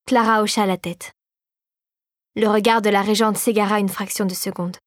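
A woman narrating a children's fantasy audiobook in a steady, clear storytelling voice. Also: mid-range voice, normal speed, no room sound, studio quality.

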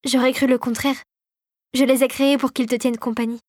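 A woman reading the part of a kind young queen and inventor in an audiobook, with gentle, caring delivery. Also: high-pitched, level tone, fairly quick, no room sound, studio quality.

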